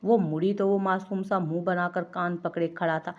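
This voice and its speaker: Female narrator for a serialized romance audiobook, steady and expressive, lower voice. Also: normal speed, phone-quality sound. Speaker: storyteller. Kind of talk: novel reading.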